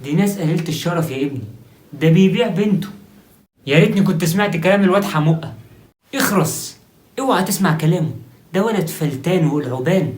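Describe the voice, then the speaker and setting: A man's voice: a little high, expressive, fast talker, a little mellow, roomy sound, close to an everyday voice. A man with an Egyptian accent playing a stiff, old-fashioned grandfather who scolds in formal, pompous phrases. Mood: scolding. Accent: Egyptian Arabic. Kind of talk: sketch comedy acting.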